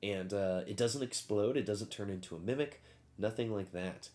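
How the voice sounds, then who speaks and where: A man's voice: on the low side, moderate pace, noisy background. A man acting as game master, narrating a tabletop game and reading out rules.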